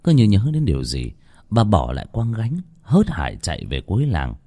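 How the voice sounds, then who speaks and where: Man, horror story narration, dramatic, wildly varied pitch. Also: normal speed. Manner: dramatic, expressive delivery.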